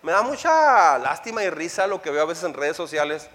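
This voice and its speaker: High-voiced male preacher in a reverberant hall. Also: moderate pace. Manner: lively preaching, with acted quotes and rhetorical questions; frequent stumbles and repeated words. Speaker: pastor. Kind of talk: sermon. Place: church hall.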